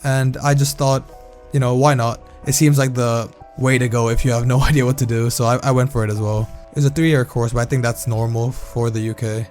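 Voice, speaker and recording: A young man from Thailand talks in a relaxed, conversational way, telling a personal story as he plays a game. His voice sits at an ordinary middle pitch, and soft background music plays under him. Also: fairly quick. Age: young adult. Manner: relaxed, candid, conversational, reacts loudly during gameplay. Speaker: vlogger. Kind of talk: casual storytime narration over gameplay.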